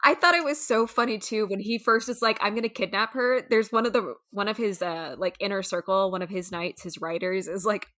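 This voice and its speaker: A woman's voice: medium pitch, brisk, few pauses, a bit bright. A woman co-hosting a casual book club podcast, giggling and acting out characters' lines. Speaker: podcast co-host.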